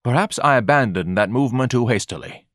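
A haughty, fussy hot-dog vendor, put on by a male narrator speaks in lofty, pompous sentences. The delivery swings up and down with animated pitch and sits a little louder than the narration. The sound is dry and close. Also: brisk, no echo, close to an everyday voice. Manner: grandiloquent, lofty and disdainful.

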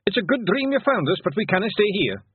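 A man voicing a tiny, rowdy male pictsie clan chief with a gruff broad Scottish brogue. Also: sits high, sing-song, fast, no room sound, pitched above the performer's own voice, heavily acted. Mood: boisterous. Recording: tinny phone-like dry recording.

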